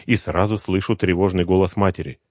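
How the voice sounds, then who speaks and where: A man's voice: sits low, fairly even intonation, brisk, darkish tone, dry recording, studio quality. A man reading a first-person thriller audiobook in a tense, brooding storytelling manner. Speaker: audiobook reader.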